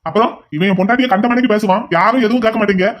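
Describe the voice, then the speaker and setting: A man's voice: high-pitched, racing, close to an everyday voice. A man voicing an angry elder son in a cartoon, lecturing his family at length. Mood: indignant. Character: indignant elder son defending his wife. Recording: dull lo-fi audio.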